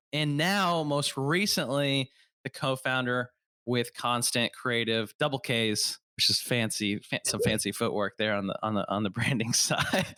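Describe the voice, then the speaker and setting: A man hosting a podcast, chatting in a quick, excitable, joking way. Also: mid-range voice, clear, resonant tone, dry recording, studio quality. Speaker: podcast host. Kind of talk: casual podcast chat.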